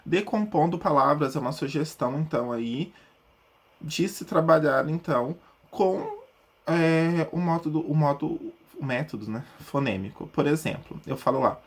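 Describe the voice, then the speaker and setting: A man teaches a recorded lesson in a fairly high, slightly husky voice. He explains things patiently and stops often to check that his listeners follow. He draws out example words slowly, sound by sound. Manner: explanatory, many fillers like "tá?" and "né?".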